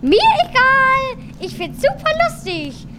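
A woman's voice: very high voice, big pitch swings, slow, very noisy, exaggerated voice. A woman playing a gleeful, petulant, childlike god of the underworld in a children's audio drama. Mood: gleeful, teasing. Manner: childlike, exclamatory, teasing.

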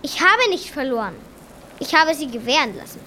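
A woman's voice: high-pitched, very animated, normal speed, bright, forceful tone, a little hiss or hum, full character voice. A woman playing a proud, pompous male messenger god in a children's audio drama. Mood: defensive. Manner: haughty, pompous. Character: proud, boastful male messenger god, defensive about losing.

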